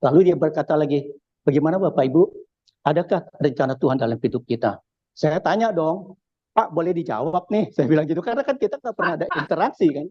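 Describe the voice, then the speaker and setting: Husky man telling a lively testimony. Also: a little high, no echo, lo-fi sound. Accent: Jakarta Indonesian. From Indonesia. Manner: animated storyteller acting out dialogue. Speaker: church member giving testimony. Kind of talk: casual spoken testimony.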